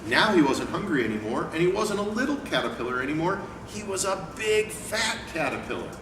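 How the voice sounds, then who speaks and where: Reading a picture book aloud and offering informal teaching talk, an educator who owns a book company speaks in a high, very animated voice a little fast. The room is echoey and noisy, the mic distant, and background noise is clearly audible.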